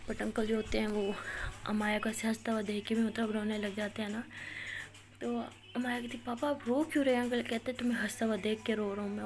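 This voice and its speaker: A woman casually narrating a love story in Urdu with a Pakistani accent, acting out the characters' dialogue as she goes. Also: fairly high pitch. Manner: retells scenes in quoted dialogue, rising loud for angry lines.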